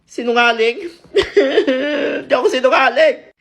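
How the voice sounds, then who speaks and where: A woman's voice: high voice, slow pace. A woman narrating a comic storytime in the first person, playful and chatty with frequent laughs.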